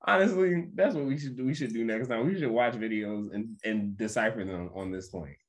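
A man's voice: mid-range voice, a little fast. A man in casual podcast conversation, speaking earnestly and restating his points as he goes. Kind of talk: casual chat.

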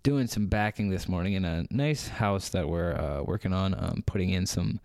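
A man's voice: sits low, moderate pace, vocal fry, darkish tone, no echo, studio quality. A young man co-hosting a casual podcast, telling a work story with many fillers and restarts and laughing often. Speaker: podcast co-host.

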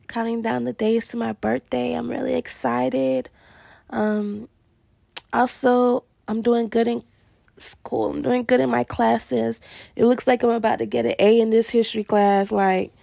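Gravelly-voiced woman chatting on a podcast. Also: fairly high pitch, fairly even intonation, a little slow, a little mellow, no echo. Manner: chatty, rambling, with frequent laughs. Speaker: podcast host. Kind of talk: casual solo podcast chat.

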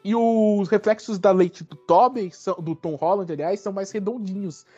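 A young Brazilian man with a Brazilian Portuguese accent, explaining details in halting restarts during a casual podcast chat. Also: high voice, fairly even intonation, a little mellow, husky. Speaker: podcast co-host. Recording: dull lo-fi audio.

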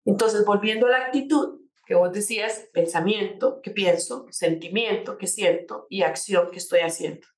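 A woman's voice: mid-range voice, normal speed, hardly any pauses. A woman speaking as a coach on changing attitudes, explaining her points with rhetorical questions and everyday examples. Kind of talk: conversational talk show guest. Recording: echoey room.

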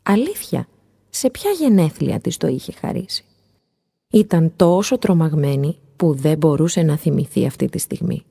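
A woman reading a children's story aloud in a gentle, expressive storytelling voice. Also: deep voice, gravelly, breathy edge. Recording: long hall reverb.

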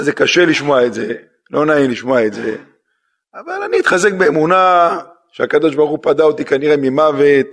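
A man, a rabbi, giving a sermon that tells a story through acted-out dialogue and questions to the listeners. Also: on the high side. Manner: acts out dialogue in a story, lively questions to the audience.

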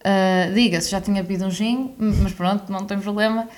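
A young woman with a European Portuguese accent, co-hosting a podcast. She chats casually and tells stories in an animated way, acting out the voices of the people in them. Her pitch sits in the middle range. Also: brisk. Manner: animated storyteller who acts out quoted voices. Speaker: podcast co-host. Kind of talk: casual chat.

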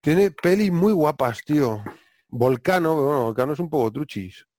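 A man's voice: on the high side, normal speed, dry recording. Guy hosting a movie podcast, slangy, hyped, dry close mic. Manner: excitable, slangy, enthusiastic. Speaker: podcast host. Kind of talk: casual movie chat.

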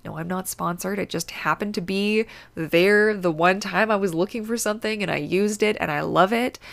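A woman's voice: medium pitch, moderate pace, gravelly. A young woman hosting a podcast in a chatty, bubbly way, sounding congested and sniffly, rambling with fillers. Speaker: podcast host. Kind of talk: casual podcast chat.

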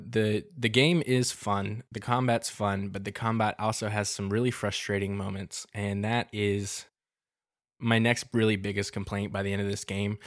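A man's voice: fairly low pitch, no room sound, clean studio sound. A man co-hosting a gaming podcast, talking casually with lots of ums and restarts. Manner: rambling, many ums and restarts, relaxed. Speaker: podcast co-host.

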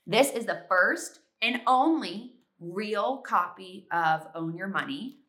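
A young woman hosts a solo podcast, chatty and upbeat with plenty of fillers, and sounds congested from allergies. Her mid-range voice is expressive, fairly bright and slow.

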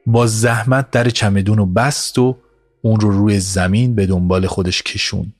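Low-voiced male storyteller over music. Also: fairly even intonation, dry recording. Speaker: narrator. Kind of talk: scripted audio story narration. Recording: narration over music score. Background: music score.

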